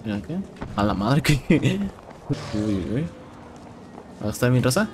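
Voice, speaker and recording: Young man, Mexican accent, excitable gameplay commentary, repeats himself, clear game noise behind. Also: medium pitch, a little slow. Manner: excitable, swears a lot, repeats words. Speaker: gameplay streamer. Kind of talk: casual live game commentary. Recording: game sounds and noise in background.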